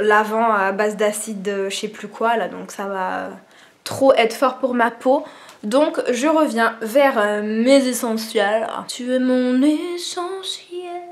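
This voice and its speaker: A young woman from France vlogging casually at home, rambling and self-mocking, with many fillers, speaking to a camera propped on cushions. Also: medium pitch. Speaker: beauty vlogger. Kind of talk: casual chatty vlog. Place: at home indoors.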